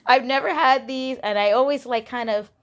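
A young woman at home chatting casually through a shopping haul, gushing and giggling as she goes. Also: sits high. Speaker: vlogger. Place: home, indoors.

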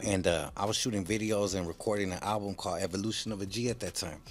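A man's voice: low voice, steady tone, fast. A man, hosting a podcast and telling a long story in casual, slangy chat, swearing freely and acting out the voices of the people in it. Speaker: podcast host.

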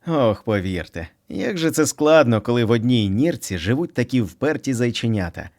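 A man narrating a children's storybook in an expressive, playful reading. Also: medium pitch, normal speed.

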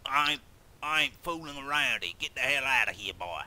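A man's voice: medium pitch, lively intonation, fairly quick, bright, forceful tone. A man voicing a swaggering hillbilly robber in game voice chat, with a put-on rural American drawl and a bossy, threatening manner. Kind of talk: game voice-chat role-play.

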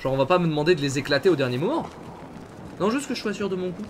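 A man's voice: fairly high pitch, sing-song, racing, a little hiss or hum. A man from France commentating his gameplay, chatting and swearing at his viewers. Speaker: gaming streamer. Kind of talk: let's play commentary. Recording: game sound mixed behind voice.

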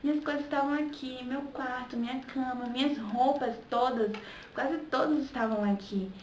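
A woman's voice: sits high, fairly even intonation, normal speed, a little mellow, a little hiss or hum. A young woman from Salvador with a Bahian accent, chatting casually in a home vlog and often checking in with "sabe?". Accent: Bahian Brazilian Portuguese. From Salvador, Bahia, Brazil. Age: young adult. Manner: chatty, keeps adding "sabe?" to her points. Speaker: vlogger. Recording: echoey room with faint ambience.

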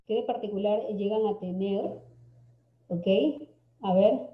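A woman's voice: medium pitch, steady tone, takes it slowly. A woman teaching an English lesson, going through words one by one and checking in with her class with a frequent "ok?". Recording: echoey, dull lo-fi recording.

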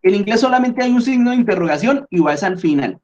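Over dull audio comes a fast-talking man with a high, somewhat mellow voice and lively intonation. He gives an online English lesson in Spanish, patiently going step by step, checking in regularly, and correcting himself aloud while he edits on screen.

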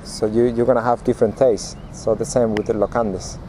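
A man's voice: on the low side, flat delivery, fairly quick, mellow, a little hiss or hum. A man from Spain's Canary Islands with a Spanish accent, speaking hesitantly in an outdoor interview. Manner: hesitant, many "uh"s. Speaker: percussionist. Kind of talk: casual interview. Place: outdoors by a brick wall.

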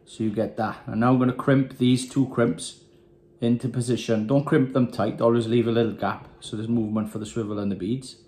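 A calm Welsh angler talks through a fishing rig as a casual step-by-step tutorial, plainly explaining while tying knots. His medium-pitched voice moves fairly quickly, recorded on a phone camera on the desk in a small, echoey indoor room with windows.

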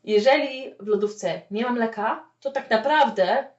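A woman teaching a spoken English lesson, explaining with lively "okay?" check-ins. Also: a little high, unhurried. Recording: echoey room, mic at a distance, dull lo-fi sound.

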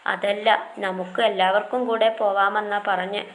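A young bride speaks softly and emotionally. A woman storyteller reads her lines. Told as a spoken storybook. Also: medium pitch, level tone, moderate pace, reverberant, close to an everyday voice. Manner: soft, emotional. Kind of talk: storytelling read-aloud.

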